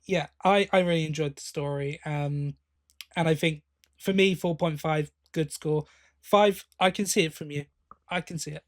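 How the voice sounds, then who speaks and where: A podcast co-host with a slightly high voice chats casually about a review, his intonation fairly even. He speaks in halting phrases, often restarting and correcting himself, and the recording is close and dry.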